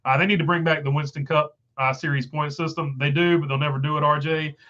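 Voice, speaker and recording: A fast-talking man with a slightly high, steady, bright, and forceful voice comes through dull audio. His nose is stuffed and his voice failing as he hosts a relaxed livestream, reading chat in rambling fashion with plenty of fillers.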